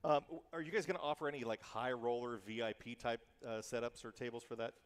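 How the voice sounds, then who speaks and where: A man hosts a football pregame show, firing off questions at a quick clip and joking with his guest. His voice sits in a middle pitch range. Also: fairly even intonation. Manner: brisk, joking, reads questions. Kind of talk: sports show interview.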